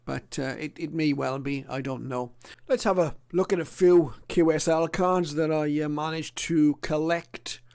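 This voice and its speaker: A middle-aged or older man gives a casual, illustrated talk about his hobby, hesitant and unscripted with frequent pauses. His voice is on the high side and a little mellow.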